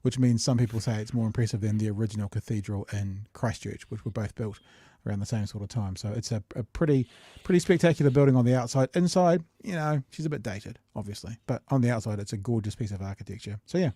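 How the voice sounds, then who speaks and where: On a casual live chat show, the middle-aged New Zealand-accented host rambles, jokes, and uses slang. He talks fast in a mellow, lowish voice, with no room sound.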